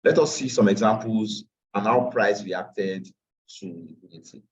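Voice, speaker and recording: Speaking a little slowly in a lowish voice, a weary man runs a live online trading lesson, going over charts. He tends to repeat phrases and lapses into Pidgin now and then, all through muffled, far-off lo-fi call audio.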